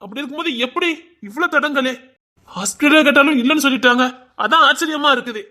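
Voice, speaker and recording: A man playing a calm, reassuring doctor. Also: very high-pitched, quick pace, full character voice. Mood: puzzled. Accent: Tirunelveli Tamil. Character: reassuring male hospital doctor.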